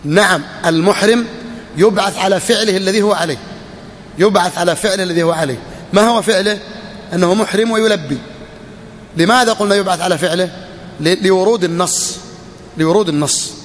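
A man's voice: high voice, fairly quick, long pauses, big-room sound, a little hiss or hum. A man, a sheikh, teaching a hadith lesson in a classroom way, repeating each phrase and putting questions to his students.

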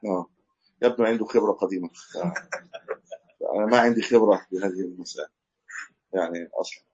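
A man's voice: deep voice, fast talker, a little mellow, husky. A man with an Egyptian accent giving a live class lecture, explaining in a conversational way, answering questions and correcting himself as he goes. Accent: Egyptian Arabic. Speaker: religious teacher. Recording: dull lo-fi recording.

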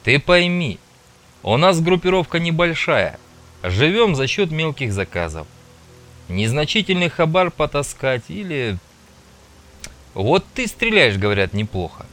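A man voicing a scarred, gruff male stalker gang leader, speaking slowly and measuredly in an audiobook. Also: on the high side, sing-song, fairly bright tone, faint music behind, voice pushed up. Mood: persuasive.

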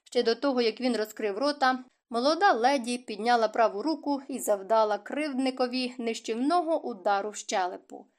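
A woman reading a romance novel aloud as an audiobook narrator, in expressive storytelling. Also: on the high side, fairly quick.

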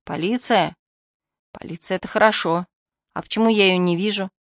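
A woman voicing a sleepy father who speaks in a drowsy monotone. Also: mid-range voice, brisk, dry recording, studio quality, close to an everyday voice.

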